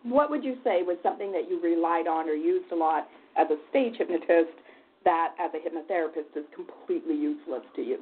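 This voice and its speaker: A woman's voice: lowish voice, brisk, slightly rough. A woman hosting an interview, chatty and leading, often laughing as she asks questions. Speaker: interview host and hypnotherapy trainer. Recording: tinny phone-like line.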